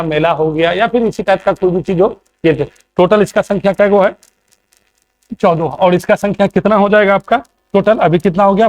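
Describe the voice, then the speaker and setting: A man's voice: high-pitched, a little mellow. A man teaching an exam coaching class, posing quiz questions and answering them himself, checking in with the students again and again. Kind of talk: classroom lecture.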